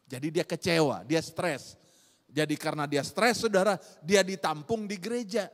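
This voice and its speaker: Middle-aged male pastor, high voice, sermon delivery that swings between loud and hushed, church hall with long echo. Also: normal speed.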